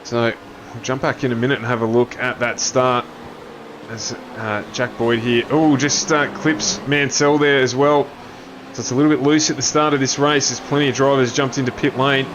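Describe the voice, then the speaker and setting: A man commentates an online race at a middling pitch. He rattles off driver names and calls the action on track. A steady background noise sits under his voice. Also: normal speed. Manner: reels off names, jumps in pitch at crashes. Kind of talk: sim racing commentary.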